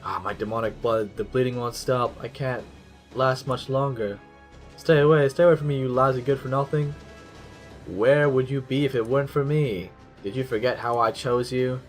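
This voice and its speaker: A man's voice: mid-range voice, fairly even intonation, normal speed, soft background music, close to an everyday voice. A man voicing a proud, dying male grand duke who heads a clan and refuses to accept defeat, with an indignant, pleading delivery. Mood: bitter.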